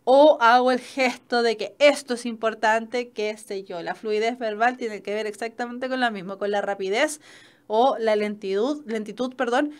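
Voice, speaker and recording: Chilean woman, young adult teacher, slightly high voice, patient explainer who keeps asking "¿cierto?". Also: moderate pace, clean tone. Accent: Chilean Spanish. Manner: explanatory, frequent "¿cierto?" checks. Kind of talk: online class lecture.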